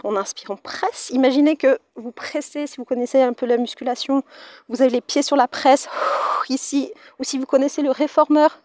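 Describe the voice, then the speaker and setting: High-voiced woman leading a Pilates class. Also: normal speed, no room sound. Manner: calm counting cues, breathy whispered counts. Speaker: Pilates instructor. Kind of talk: guided workout instruction. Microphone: mic very close to the face.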